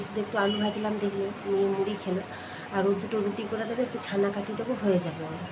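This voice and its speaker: A middle-aged woman talking to viewers in a chatty, homely way over a cooking vlog, a little out of breath. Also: mid-range voice. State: slightly out of breath. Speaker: vlogger. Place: home kitchen. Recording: audible background noise.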